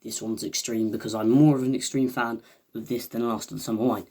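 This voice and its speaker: A man's voice: mid-range voice, fairly even intonation, fairly quick, mellow. A man, talking casually to viewers as a video reviewer. He rambles and hesitates, with many fillers and restarts, and makes chatty asides as an eager fan.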